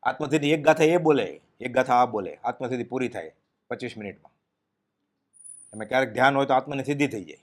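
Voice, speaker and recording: A man giving a devotional discourse, telling stories and dropping his voice low and quiet at solemn moments. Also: fast. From Gujarat, India. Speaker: spiritual speaker giving a discourse.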